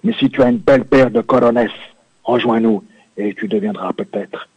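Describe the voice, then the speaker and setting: A man's voice: medium pitch, moderate pace, breathy edge, no echo. A man on a phone line into a radio studio, playing a boastful, suggestive macho biker sidekick from a video game in a comic sketch. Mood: mocking. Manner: swaggering, suggestive, self-satisfied. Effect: over a phone line into a radio studio. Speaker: caller doing a comedy bit. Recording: dull lo-fi dry phone line.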